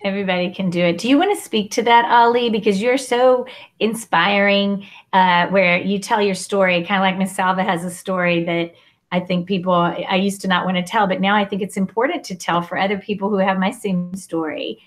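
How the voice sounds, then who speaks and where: A woman hosting a panel discussion, giving shout-outs and thinking aloud with many fillers. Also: mid-range voice, fairly even intonation, a little fast. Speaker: panel host. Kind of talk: moderating a panel.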